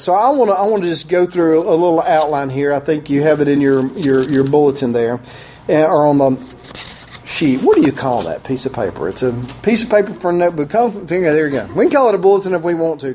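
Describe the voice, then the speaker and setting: A man's voice: fairly high pitch, darkish tone. A middle-aged man preaching a sermon to his congregation, folksy and chuckling at his own asides. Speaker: pastor. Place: church sanctuary.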